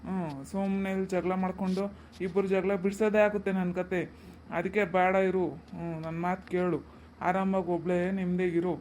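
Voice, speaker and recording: A man's voice: sits high, flat delivery, a little fast, a little mellow, slight background noise, close to an everyday voice. A man voicing a grown son in a cartoon story, firm and dismissive toward his mother. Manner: firm, dismissive, growing angry. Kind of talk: cartoon dubbing.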